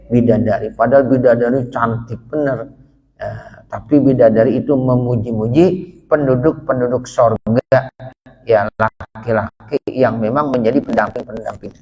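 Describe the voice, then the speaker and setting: A male preacher tells a sermon as a lively, colloquial story, slipping into quoted voices and chanted Arabic verses. His medium-pitched voice rings with the long reverb of a prayer hall. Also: unhurried, dull audio. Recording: echoey hall.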